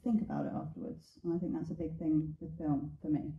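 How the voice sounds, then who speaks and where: A woman's voice: deep voice, flat delivery, fairly quick, a little hiss or hum. A woman on a film panel speaking in a sincere, reflective way. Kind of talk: panel answer. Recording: echoey, dull sound.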